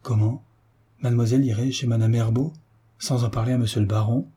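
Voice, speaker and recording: A man's voice: mid-range voice, fairly even intonation, a little fast, warm tone, slightly rough. A man voicing a devoted, fawning governess in an audiobook, fussy and deferential. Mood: flustered. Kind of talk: audiobook character reading.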